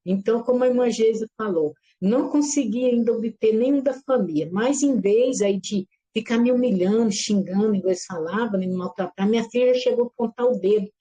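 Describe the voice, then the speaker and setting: A middle-aged woman giving a lively personal religious testimony, acting out the voices in her story and calling her listeners brothers and sisters. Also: fairly high pitch, a little fast, hardly any pauses. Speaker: church member giving testimony.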